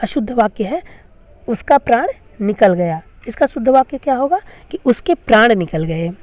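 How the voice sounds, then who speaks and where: A woman with a fairly high voice teaches a school grammar lesson. She works through each exercise step by step, repeating every question before she answers it. The sound is dry and close, with no room echo. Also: sing-song, moderate pace, a little mellow.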